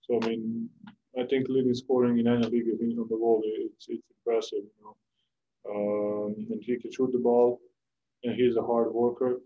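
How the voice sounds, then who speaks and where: A young male basketball player answering postgame press questions calmly, searching for words, in a press room. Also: moderate pace, highs cut off. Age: young adult. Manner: calm, low-key, searching for words. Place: press room before a sponsor backdrop.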